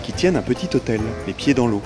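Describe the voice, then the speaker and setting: A man narrating a cycling travel story in a calm, scripted way. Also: mid-range voice, quick pace. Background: loud children's music.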